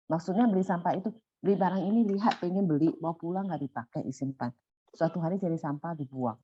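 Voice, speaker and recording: A middle-aged woman telling a personal story in a casual, animated way, going high when excited and soft when calm. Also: breathy edge, dry recording. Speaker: volunteer sharing a personal story. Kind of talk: casual storytelling in a sharing session. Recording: muffled dry sound.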